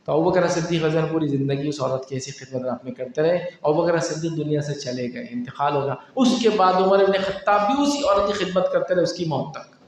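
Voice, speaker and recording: A male preacher from India giving a sermon, telling stories in an animated way and acting out the quotes. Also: a little high. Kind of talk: sermon storytelling. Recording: echoey hall, distant mic, faint noise.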